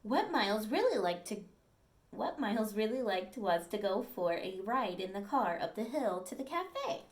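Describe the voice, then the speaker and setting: Reading a picture book aloud to a group of children, a teacher speaks in a medium-pitched voice at a moderate pace. Her storytelling is expressive, broken up by friendly remarks to the kids.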